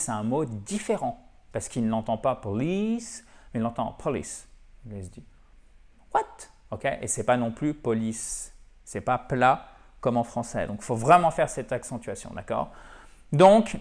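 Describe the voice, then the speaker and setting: A man teaching an English lesson, explaining patiently and often checking that students follow. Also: mid-range voice. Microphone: camera.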